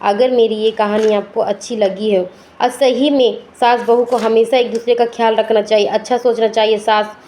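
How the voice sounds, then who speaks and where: A woman's voice: on the high side, level tone, moderate pace, mellow, slight background noise. A woman telling a family story in casual, homely spoken style with loose restarts. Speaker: storyteller of a home channel.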